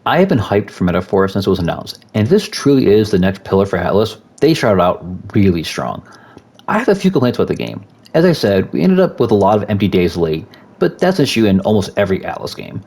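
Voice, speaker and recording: Dad co-host, low-pitched man, animated read, scripted game review. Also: fast, breathy edge. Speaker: parent co-reviewing a game with his son.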